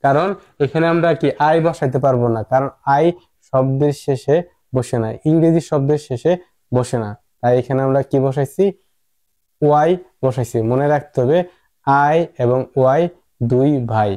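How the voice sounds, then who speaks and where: A man, an English teacher giving a slow phonics lesson, repeating words and asking rhetorical questions. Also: medium pitch, fairly even intonation, warm tone.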